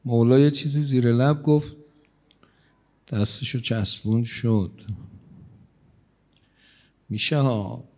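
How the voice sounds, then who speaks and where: Gravelly-voiced male cleric preaching. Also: medium pitch, pauses often. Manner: conversational, teasing the audience, shifting loudness. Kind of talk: religious sermon to a congregation.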